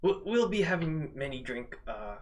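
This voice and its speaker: A man voicing an awkward male adventurer who speaks halting, broken English. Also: fairly high pitch, big pitch swings.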